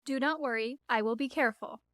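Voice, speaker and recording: A reader voicing Roz, a polite female robot who speaks in plain, literal, evenly measured sentences for an audiobook. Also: fairly high pitch, fairly bright tone, no echo, studio quality, close to an everyday voice. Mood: calm literal. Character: calm polite female robot, learning to be friendly. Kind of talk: audiobook character voice.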